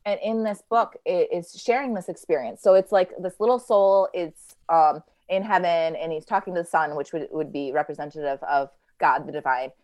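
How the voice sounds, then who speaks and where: Woman podcast guest, earnest and reflective, slightly low voice, dry close mic. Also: steady tone, normal speed, few pauses, a little mellow, no room sound. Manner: earnest, reflective, many fillers. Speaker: podcast guest, healing coach. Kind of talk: casual podcast chat.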